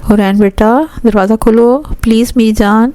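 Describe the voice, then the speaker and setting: Protective older aunt from a storybook romance, firm and motherly, mellow; the narrator reads her. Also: fairly high pitch, steady tone, dry recording, close to an everyday voice. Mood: pleading.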